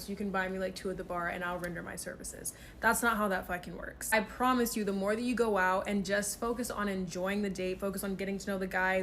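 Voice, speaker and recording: A woman's voice: mid-range voice, a little hiss or hum. A woman giving casual, confident, slick advice in a blunt, sassy, sweary way with emphatic rhetorical questions. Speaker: dating advice video creator. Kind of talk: casual chatty advice monologue.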